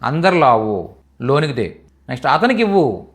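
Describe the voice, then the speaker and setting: During a live online class, a patient Hindi teacher drills phrases, repeating each several times. He speaks at a normal speed in a medium-pitched, sing-song voice.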